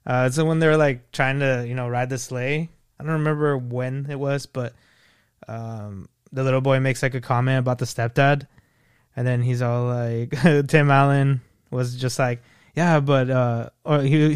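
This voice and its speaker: A man's voice: medium pitch, fairly even intonation, moderate pace, clean tone, no echo, studio quality. Young male podcast co-host, loose and profane, laughs through his lines. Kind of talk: casual chat about a movie.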